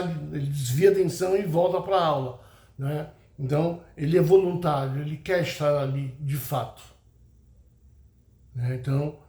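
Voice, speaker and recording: Guy with a high voice teaching a church class, echoey room, lots of fillers. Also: a little mellow. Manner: unhurried, frequent fillers and tag questions. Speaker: Sunday school teacher trainer.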